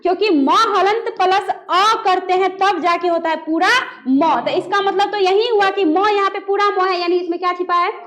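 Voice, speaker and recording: A woman's voice: very high-pitched, fairly even intonation, normal speed, a bit bright. A woman teaching a grammar lesson, asking questions and answering them herself. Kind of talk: classroom lesson at a board.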